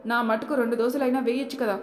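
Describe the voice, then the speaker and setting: A woman's voice: fairly high pitch, fairly even intonation, fast, lightly acted. A woman voicing a short-tempered young husband who scolds and snaps. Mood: angry. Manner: snappy and scolding. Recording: echoey room with long reverb.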